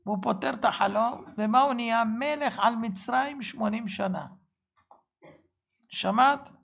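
A man giving a Torah sermon in a fervent way, firing rhetorical questions and breaking into sudden shouted bursts. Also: very high-pitched, vocal fry. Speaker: religious teacher.

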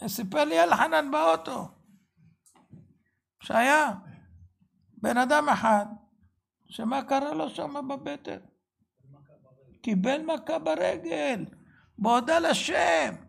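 Fervent religious teacher, male, gravelly voice, keeps asking the listener questions and suddenly raises his voice. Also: very high voice, long pauses. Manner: fervent, rhetorical questions, sudden shouted bursts. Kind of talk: Torah sermon.

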